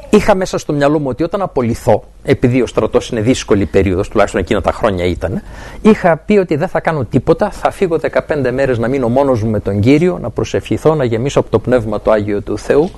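A middle-aged man giving a personal faith testimony, telling his story with animated storytelling. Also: medium pitch. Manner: animated storytelling, acting out dialogue.

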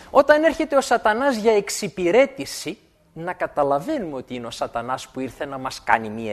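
A man preaching a sermon, animated and repeating words for emphasis. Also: on the high side.

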